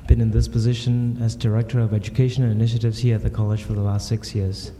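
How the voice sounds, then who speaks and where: A man from Singapore introduces himself plainly and briefly. His voice is very dark and flat in melody. He is recorded in a roomy, echoing hall with a faint hum behind him. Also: lowish voice, fast. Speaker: college education director. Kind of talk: panel self-introduction. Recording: echoey hall with faint noise.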